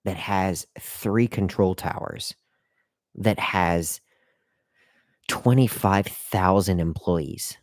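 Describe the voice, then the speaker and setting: Speaking low and drawing out his words with frequent pauses, this man runs a live stream where he offers viewers loose career tips. He wanders, repeats himself, and talks straight to the chat, hiccuping and burping at times. The audio is dry and studio quality.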